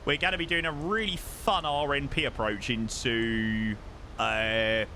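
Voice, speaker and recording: British male flight-sim streamer: bright, forward voice, chatty and matey, faint vehicle noise behind. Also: mid-range voice, little pitch movement, measured pace. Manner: matey, chatty, repeats words and phrases. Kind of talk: casual livestream chat and flying commentary.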